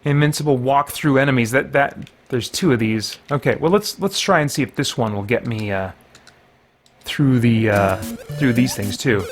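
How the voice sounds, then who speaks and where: The host of a gaming and faith channel talks to himself while playing, mixing casual gameplay commentary with devotional talk as if thinking aloud. His mid-range voice is expressive and at normal speed, with faint music behind it.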